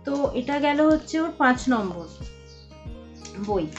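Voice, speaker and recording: A high-voiced woman in her thirties, speaking, chats casually to her vlog audience. She hesitates often and restarts her sentences. The recording is slightly muffled, and soft music plays in the background. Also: expressive, unhurried. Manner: chatty, with many hesitation sounds and restarts. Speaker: vlogger. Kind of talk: casual vlog chat showing books. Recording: slightly dull lo-fi sound with faint music.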